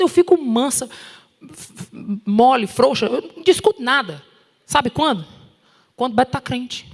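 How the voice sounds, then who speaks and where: A woman with a Brazilian Portuguese accent preaching at a conference in an animated, direct, scolding way, with touches of humor. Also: medium pitch. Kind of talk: sermon. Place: large church hall. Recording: long hall reverb.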